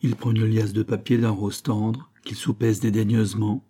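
Male audiobook narrator, low-pitched, very dark and husky, measured literary reading. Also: little pitch movement.

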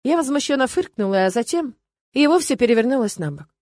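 A woman reading a first-person audiobook with lively, ironic storytelling, in a dry close sound. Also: high voice, fast talker, no room sound. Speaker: audiobook narrator.

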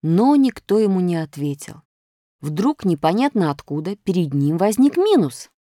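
A woman reading a children's story aloud in an expressive way. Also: on the low side, moderate pace, no room sound, clean studio sound.

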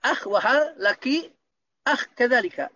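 A man's voice: high-pitched, a little fast, fairly bright tone, muffled recording. A man teaching Arabic grammar in an online lesson, patiently explaining and checking that students understand.

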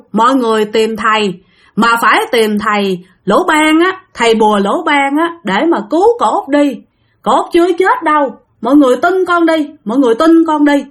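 A woman's voice: sits high, fairly bright tone. A woman voicing a young woman who pleads urgently, as if something is speaking through her.

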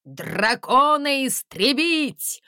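A blustering male guard chief, acted out by a woman narrator, barking orders slowly and loudly in a storybook reading. He sounds flustered, and the recording is dry and close. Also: high voice, sing-song, no echo, pitched above the performer's own voice, heavily acted. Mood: commanding.

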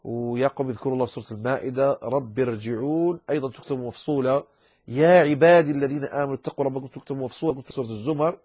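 In a dull, lo-fi lecture recording, a man with a husky, darkish mid-range voice races through the rules of Quran recitation. He explains a verse text patiently in a classroom setting, calling his listeners brothers.

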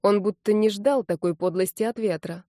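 A woman narrating an audiobook in the first person, in an expressive storytelling manner. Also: medium pitch, normal speed, no room sound, clean studio sound.

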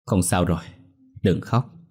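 A man's voice: sits low, measured pace, mellow, husky. A man voicing a woman in her fifties who sells rice, hesitant and cautious. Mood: wary.

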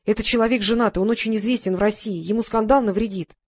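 A weary mother in her mid-forties speaks in tired, measured tones, voiced by a woman narrator. She is guarded and secretive, a storybook figure. The sound is close and dry. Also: medium pitch, steady tone, a little mellow, dry recording, close to an everyday voice. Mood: evasive.

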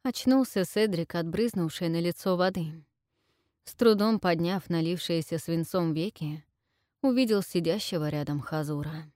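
A woman reading a novel aloud as a narrator, in a measured, deliberate way. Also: on the low side, a little mellow, no room sound, studio quality. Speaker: audiobook narrator. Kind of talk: scripted narration.

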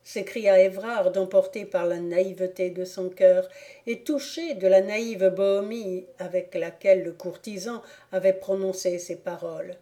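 A woman reading a classic novel aloud as an audiobook narrator, in a calm, measured and deliberate way. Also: medium pitch. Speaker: audiobook reader.

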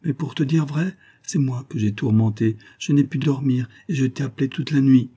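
A man voicing a shy, tender young girl in love in a storybook reading, speaking softly and breathlessly. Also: mid-range voice, normal speed, slightly rough, voice pushed up, close to an everyday voice.

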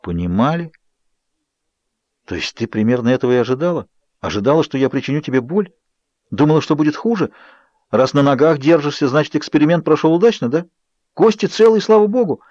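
A brooding vampire speaks in a low, hushed, tight-lipped voice full of guilt, read by a man. His lines come quieter and a touch lower than the surrounding reading. The sound is dry and a little dull. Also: animated, a little fast, no echo. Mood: angry. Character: brooding male vampire, guilt-ridden and intense.

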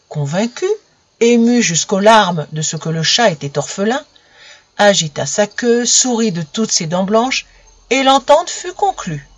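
A woman narrating a children's storybook gently, speaking directly to her young listeners, on a dull lo-fi recording. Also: mid-range voice, husky, no echo. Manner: gentle, intimate address to children.

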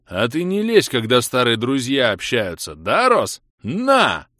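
A man reading an audiobook, voicing a big, brash, rowdy young man who shouts and mocks his friend. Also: medium pitch, a little fast, no echo, studio quality, natural voice. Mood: boisterous. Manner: boisterous, shouting, mocking. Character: loud brash hulking young man, rough joker.

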